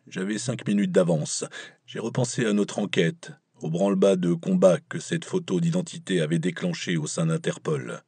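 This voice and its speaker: A man reads a first-person thriller with a measured, wry delivery. His voice sits very low and sounds husky. The recording is dry, with no room sound. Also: fairly even intonation, mellow, dry recording. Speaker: audiobook narrator. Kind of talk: audiobook narration.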